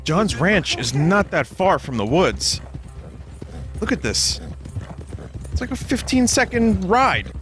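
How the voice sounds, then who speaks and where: A man's voice: sits high, very animated, takes it slowly, pauses often. A man giving casual, joking commentary while streaming a game, often swearing. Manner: joking, profane, mock voices.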